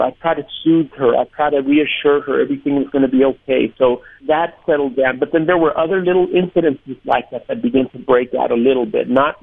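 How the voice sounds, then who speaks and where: A man who is a pastor, telling his story in an earnest, measured way during a radio interview by phone. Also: medium pitch, creaky. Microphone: telephone. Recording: tinny phone line.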